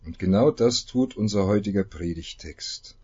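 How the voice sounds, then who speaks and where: A man preaching a sermon, opening with a dramatic reading full of long pauses. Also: lowish voice, a little mellow, husky, highs cut off. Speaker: pastor.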